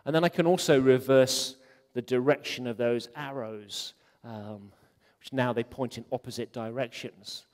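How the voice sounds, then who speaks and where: A man's voice: mid-range voice, steady tone, unhurried. Man giving a joking conference talk in a reverberant hall. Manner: chatty, joking asides, frequent ums. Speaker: conference speaker. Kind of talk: conference talk on web design.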